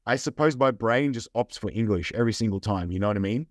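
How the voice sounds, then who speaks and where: This fast-talking young adult guest has a lowish voice and an Australian accent, and he keeps things laid-back and rambling with frequent fillers in a casual interview. The sound is clean studio audio without echo.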